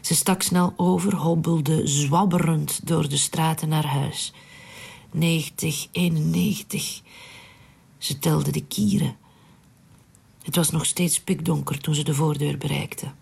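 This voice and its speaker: Gravelly whispered storyteller. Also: medium pitch, steady tone, a little slow. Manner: hushed, breathy, unvoiced whisper. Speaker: narrator.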